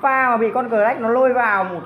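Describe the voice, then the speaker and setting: Excitable woman commentating a game. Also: a little high, brisk, phone-quality sound, soft background music. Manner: exclamatory, teasing opponents, frequent cries of surprise. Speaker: gameplay commentator.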